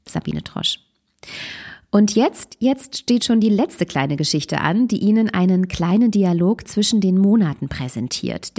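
A woman host introducing stories in a calm, friendly, scripted moderation. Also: lowish voice.

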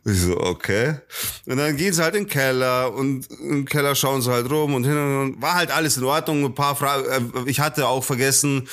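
A man's voice: mid-range voice, fairly quick. A man hosting a podcast, telling a story in a casual, slangy way and acting out the people he quotes. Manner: animated, acts out the people he quotes; slangy, peppered with "Alter". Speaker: podcast host.

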